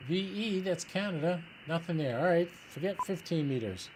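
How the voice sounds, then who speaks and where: A man with a fairly high voice and lively intonation talks casually at normal speed as he operates a ham radio, thinking aloud through each step. Loud hiss and static fill the recording, along with radio chatter in the background.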